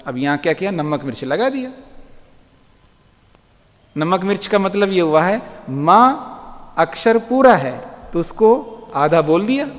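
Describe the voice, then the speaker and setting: Man teaching a class, slow patient delivery, animated pitch, long reverb. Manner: patient, repeats words slowly for students. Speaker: Vedic philosophy teacher. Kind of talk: classroom lecture. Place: ashram lecture hall.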